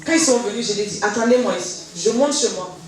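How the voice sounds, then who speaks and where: Heard from a distance in a very echoey hall with faint noise and a crowd behind her, a woman gives a personal church testimony. Her voice is on the high side, quick and animated, as she tells her story and acts out the conversations she recalls.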